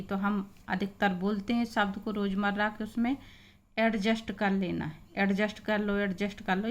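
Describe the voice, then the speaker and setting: Slow, patient woman teacher. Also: medium pitch. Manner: patient, repeats each example word slowly. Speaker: English teacher. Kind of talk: slow spoken pronunciation lesson.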